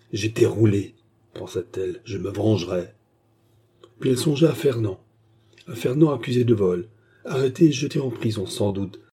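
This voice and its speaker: A man reading a novel aloud as scripted narration, with a steady literary delivery and a shift in voice for each character. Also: medium pitch, husky. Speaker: audiobook reader.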